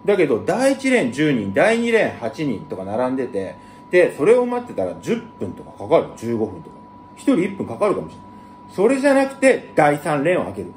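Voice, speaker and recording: A man hosting his own channel, talking bluntly in rough, slangy casual speech and explaining things to viewers. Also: huge pitch swings, a little fast, slight background noise. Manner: blunt, rough slangy talk with big jumps in pitch. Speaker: channel host. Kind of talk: casual monologue to camera.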